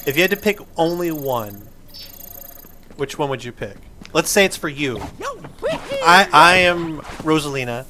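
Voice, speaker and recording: A man's voice: a little high, expressive, a little slow, pauses often, pushed and bright, slight background noise. A man hosting a gaming video, explaining things patiently in a playful, conversational way. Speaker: host of a family gaming video. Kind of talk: casual chat over gameplay. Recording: game music behind the voice. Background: video game music.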